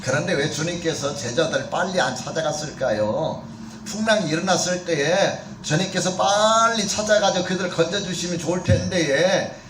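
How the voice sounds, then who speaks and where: High-voiced pastor preaching in echoey church. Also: male voice, fairly bright tone, far from the mic, slight background noise. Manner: conversational preaching with questions to the congregation. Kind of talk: sermon. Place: church sanctuary.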